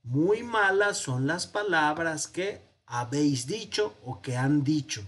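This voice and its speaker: A man's voice: a little high, expressive, slow pace, fairly bright tone. A man with a Mexican Spanish accent giving a patient, explanatory online grammar lesson. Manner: patient, explanatory, self-correcting, with many "este" fillers. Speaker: Hebrew grammar teacher.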